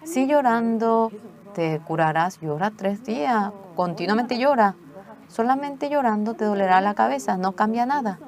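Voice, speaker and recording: A firm, loving mother as a woman puts her on speaks sternly but pleads at the same time. The voice sits higher than the teller's own. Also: lively intonation, normal speed, a little mellow.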